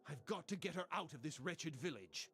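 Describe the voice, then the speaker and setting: A man's voice: fairly high pitch, lively intonation, a little fast, a bit bright. An actor playing an anxious, demanding elven lord in a video game, a worried father with an agitated manner. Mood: anxious, distressed. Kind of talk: video game character acting.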